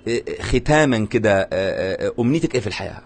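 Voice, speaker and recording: A man with an Egyptian Arabic accent, a reporter asking gentle, probing questions in a news interview. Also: lowish voice, expressive, very fast.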